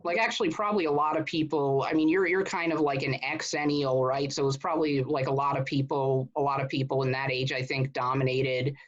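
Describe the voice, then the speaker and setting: Man, 30s, from Connecticut, interview guest, flat delivery, frequent restarts, muffled lo-fi audio. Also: mid-range voice. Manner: halting, with many restarts and repeated words. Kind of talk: casual conversational interview. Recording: dull, muffled sound.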